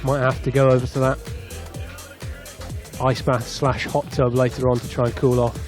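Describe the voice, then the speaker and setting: A man's voice: mid-range voice, moderate pace, faint music behind. A man commentating live on a rugby tens match from the stand of an open stadium, chatty between plays and lifting when play breaks open. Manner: chatty, rising excitedly on breaks.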